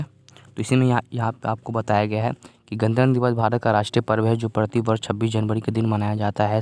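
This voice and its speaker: With a lowish, slightly mellow voice and no echo, a man casually and patiently takes young children through a worksheet lesson. He repeats phrases often and keeps asking "theek hai?" to check they're following.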